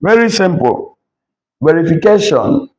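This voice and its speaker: A man teaching a language lesson at a board, repeating each word slowly to drill it. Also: on the high side, sing-song, a little mellow, rough recording.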